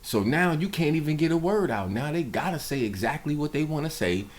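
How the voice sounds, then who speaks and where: A man's voice: fairly high pitch, expressive, a little fast. A man hosting a reaction video, giving casual commentary in an emphatic, preachy way.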